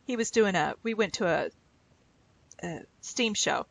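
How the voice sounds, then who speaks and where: A woman's voice: medium pitch, lively intonation, unhurried, creaky, no room sound. Chatty, rambling woman at her craft table. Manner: chatty and rambling, laughs easily. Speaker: craft vlogger. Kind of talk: casual chat while scrapbooking.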